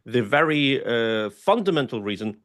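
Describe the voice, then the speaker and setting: A man's voice: mid-range voice, lively intonation, normal speed, fairly bright tone. A man from Russia, not a native English speaker, answering interview questions earnestly and hesitantly, with many fillers as he lists historical examples. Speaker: guest scholar and activist.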